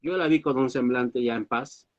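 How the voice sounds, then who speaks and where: A man, a pastor, telling a personal story, halting with fillers and restarts. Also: medium pitch, highs cut off. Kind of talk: sermon testimony.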